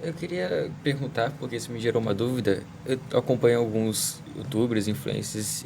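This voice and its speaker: A man's voice: fairly low pitch, creaky, a little mellow, a little hiss or hum. A young man co-hosting a studio podcast, curiously asking a long question.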